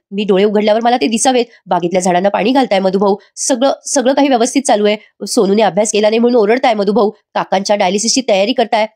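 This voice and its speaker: A woman's voice: mid-range voice, warm tone, natural voice. A woman reading a grief-stricken young woman. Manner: tearful, longing.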